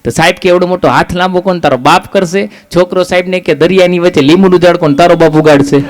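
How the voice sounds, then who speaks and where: High-voiced male stand-up comic. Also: fast, a little hiss or hum. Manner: storytelling jokes with quoted dialogue. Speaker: stand-up comedian. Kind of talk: live Gujarati stand-up jokes. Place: live stage show.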